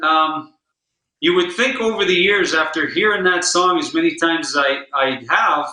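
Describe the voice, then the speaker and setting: High bright-voiced man in a roomy space. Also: moderate pace. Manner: easygoing, rambling with fillers. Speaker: guest host and guitar player. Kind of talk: casual podcast chat. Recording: roomy echo.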